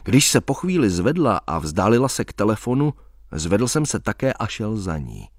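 A man reading a first-person story aloud in a measured, wry storytelling manner. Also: lowish voice, very animated, dry recording, clean studio sound. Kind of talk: scripted story narration.

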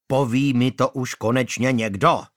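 A man doing a calm, curious deputy mayor. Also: medium pitch, no room sound, clean studio sound, natural voice. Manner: calm, reasonable, questioning. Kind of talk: audiobook character voice.

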